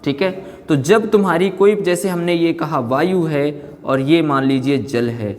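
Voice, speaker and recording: A physics teacher with a voice on the high side runs an informal exam-coaching class, posing questions and answering them himself, repeating key phrases and prompting his students. The room has an echoey, hall-like reverb.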